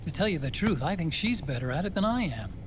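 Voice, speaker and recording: A man's voice: fairly high pitch, big pitch swings, fast talker, noisy background. An actor playing an earnest, hesitant male scientist in a cinematic video game. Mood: earnest, somber. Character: awkward, earnest male scientist, protective and easily flustered. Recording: music behind the dialogue. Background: background music.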